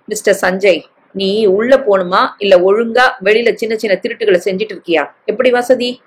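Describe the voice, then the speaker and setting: A woman's voice: mid-range voice, moderate pace, husky, natural voice. A woman voicing a furious betrayed young wife. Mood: cold fury.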